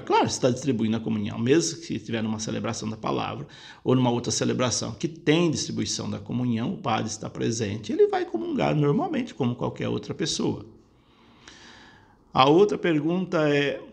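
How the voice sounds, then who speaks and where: A priest talks through listeners' questions one by one, calm and explanatory. His voice sits at an ordinary male pitch with a gravelly, creaky edge. He restates each point so it is easy to follow. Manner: explanatory, patient, repeats points for clarity. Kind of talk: casual spoken Q&A lesson.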